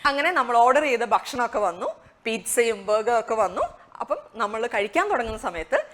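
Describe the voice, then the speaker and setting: A woman teaching English pronunciation in a conversational lesson, asking rhetorical questions and slowing down on the target words. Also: a little high, big pitch swings, a bit bright. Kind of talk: explanatory lesson.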